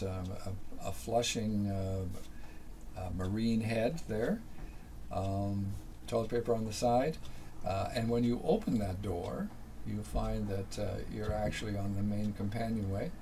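An older man giving a casual narrated tour of his small sailboat cabin, unhurried and halting, full of fillers. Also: on the low side, a little mellow, a little hiss or hum. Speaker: boat owner giving a tour. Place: small sailboat cabin, then home office.

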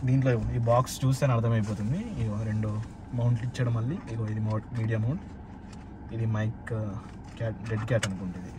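A man's voice: lowish voice, steady tone, fast talker, very noisy. A man hosting a casual unboxing vlog. He chats easily and slips English words into his talk. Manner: chatty, mixing in English words. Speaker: vlog host.

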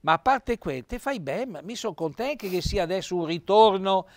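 A man's voice: high voice, expressive, moderate pace, no room sound. A man, a retired teacher in TV chat, lecturing and correcting grammar. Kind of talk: bantering TV chat. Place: local TV studio.

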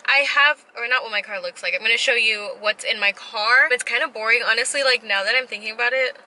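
A woman's voice: on the high side, fast, bright, forceful tone, slight background noise, low-quality recording. A young woman in her twenties chatting casually in a vlog, rambling and poking fun at herself, recorded inside a parked car on a dashboard camera. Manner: chatty, rambling, self-deprecating. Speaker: vlogger. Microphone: camera mounted on the dashboard.

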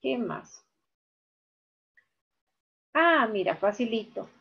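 A woman teacher giving an online lesson, talking slowly and repeating key words syllable by syllable. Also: fairly high pitch, sing-song, creaky, breathy edge. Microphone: video call. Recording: dull video-call audio.

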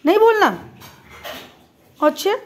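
A woman with a high voice speaks slowly and sweetly, coaxing and teasing her pet bird in casual home-video talk. It sounds like a phone recording made indoors, with a little faint household noise behind her. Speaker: pet vlogger.

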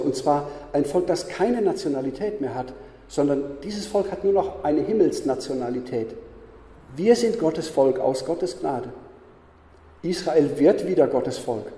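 Guy doing a bible lesson, really dark mellow voice, lots of "ja?", roomy hall echo. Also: on the high side. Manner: emphatic, repetitive, frequent tag questions. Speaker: Bible teacher. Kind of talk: teaching talk. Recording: roomy echo with long reverb.

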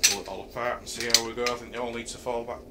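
In his home kitchen, a middle-aged man from Yorkshire thinks aloud about a camping chair, stumbling over many ums. His mid-range voice barely moves in pitch and runs very fast, and the audio from the camera a few feet away is very noisy.

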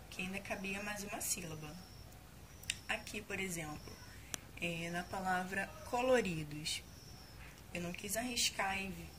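A Brazilian woman teaches young students in a patient, explanatory way, often checking in with short tag questions. Her voice sits at an ordinary middle pitch. Faint crickets chirp in the background of the home recording. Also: fairly bright tone, a little hiss or hum. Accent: Brazilian Portuguese. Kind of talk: casual classroom instruction.

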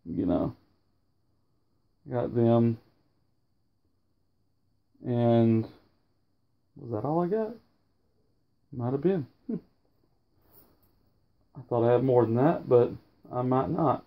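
Through a muffled recording comes a man's gravelly mid-range voice, animated yet slow, broken by long pauses. He is at home over a sofa, casually showing off autographs for a home video, rambling, losing track, and self-correcting along the way.

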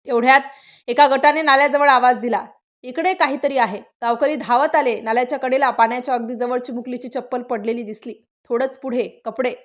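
A woman's voice: a little high, steady tone, brisk. A woman narrating a scripted news story in a suspenseful, dramatic style with short clipped phrases.

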